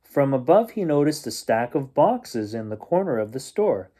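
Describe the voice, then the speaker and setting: A man with a mid-range, warm voice reads a children's picture book aloud like a bedtime storyteller, very animated and expressive, stretching out moments of suspense.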